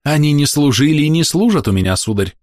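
A man's voice: fairly high pitch, expressive, fast talker, darkish tone, dry recording, voice pushed up, lightly acted. Man doing a polite firm lady, reserved, dry close sound, storybook. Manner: firm and courteous.

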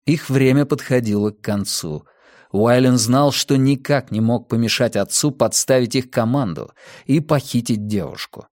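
A man reading a novel aloud as an audiobook narrator in a measured, even way. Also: mid-range voice, dry recording, clean studio sound. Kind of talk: scripted narration.

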